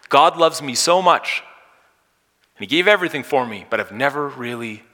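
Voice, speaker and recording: A man preaches a sermon in a church sanctuary with a bright, forceful voice. He pushes loud on key words, then sinks to a hush. His voice carries a long reverb from the hall. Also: mid-range voice, expressive, moderate pace. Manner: dynamic, swinging from loud emphasis to soft hushed lines. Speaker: pastor.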